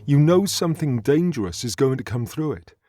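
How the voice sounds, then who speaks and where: A man, delivering a scripted poetry tutorial in a measured, earnest way. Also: mid-range voice, expressive, mellow, no echo. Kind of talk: scripted educational narration.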